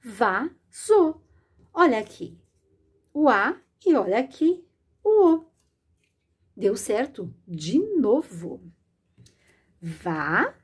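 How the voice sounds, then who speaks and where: A woman gives a children's reading lesson at a deliberately slow pace, stretching each word and sound so it can be followed. Her voice is high and a little breathy. She speaks in a patient, didactic way, talking straight to the learner. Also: sing-song. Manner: slow, drawn-out and sing-song, stretching words and sounds. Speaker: literacy teacher.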